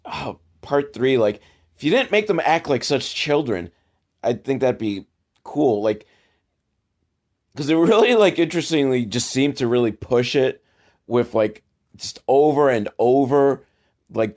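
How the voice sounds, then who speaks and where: With a mid-range, slightly mellow voice, a man jokes his way through old educational films as the host of a casual commentary. His style is sarcastic and full of profanity.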